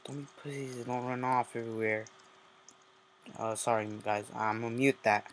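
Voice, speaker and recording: A man's voice: mid-range voice, steady tone, normal speed, fairly bright tone, a little hiss or hum. A young man commenting on his gameplay, muttering in frustration and breaking into sudden outbursts. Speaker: gamer.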